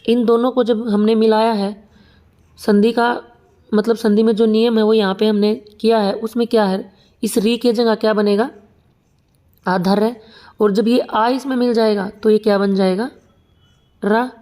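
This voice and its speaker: A young woman teaches Hindi grammar for exam preparation, walking through each example step by step and checking often that students follow. Her voice sits a little high but sounds soft and mellow rather than bright. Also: fairly even intonation, measured pace, long pauses. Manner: patient, explains step by step with repeated checks. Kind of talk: exam-prep lesson at a whiteboard.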